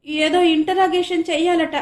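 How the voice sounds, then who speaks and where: Woman playing tearful frantic young woman, high and loud, roomy echo, storybook. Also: level tone, normal speed. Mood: frantic crying.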